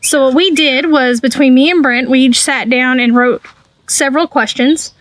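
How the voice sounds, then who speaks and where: A woman's voice: high-pitched, normal speed, a little hiss or hum. A woman in her early forties co-hosting a homesteading channel, chatting casually and laughing easily. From Texas. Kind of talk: casual chat.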